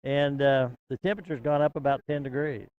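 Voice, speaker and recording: A man calling a local high school football game, folksy and chatty, getting excited on big plays. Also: brisk, phone-quality sound. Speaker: play-by-play announcer. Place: outdoor broadcast stand at a football field.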